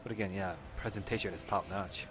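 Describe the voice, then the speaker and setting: A man's voice: deep voice, steady tone, a little fast. A man giving casual, musing gameplay commentary, somewhat hesitant. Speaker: game commentator. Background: faint game music.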